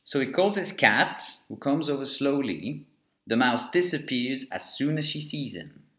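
A man reads a children's storybook aloud with a lively, sing-song lift and fall in his voice. His tone stays mid-range and even. The recording has a noticeable roomy echo around it. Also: mid-range voice, unhurried. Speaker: narrator. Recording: echoey room.

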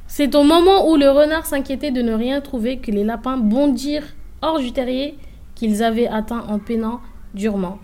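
A woman narrating a children's story in an expressive, lively way. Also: sits high, normal speed, slight background noise. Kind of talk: scripted narration.

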